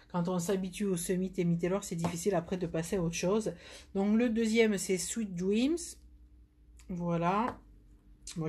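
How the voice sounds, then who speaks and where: A woman's lowish, slightly mellow voice narrates a live nail polish demo as she sells the products. She has a southern French accent and her chat is full of fillers and false starts.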